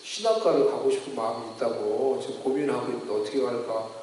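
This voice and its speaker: A middle-aged male pastor telling a personal story in a sermon, lively storytelling that acts out the voices of others. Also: medium pitch, fast talker. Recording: echoey hall, distant mic.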